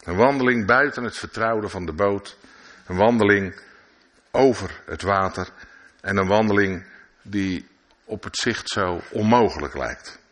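A man's voice: on the low side, a little slow, a bit bright. A man preaching a sermon at a church service, reading scripture and adding conversational asides and questions to his listeners.

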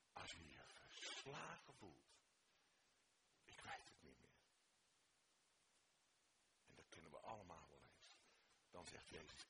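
A male preacher giving a sermon in a church, expressive, moving between hushed words and emphatic exclamations. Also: mid-range voice. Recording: noticeable background noise.

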